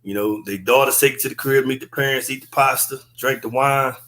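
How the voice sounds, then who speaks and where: A man's voice: mid-range voice, brisk, pushed and bright. A man, a guest comedian talking in a laid-back, slangy way over a webcam video call from an indoor room. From Texas. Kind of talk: casual interview chat.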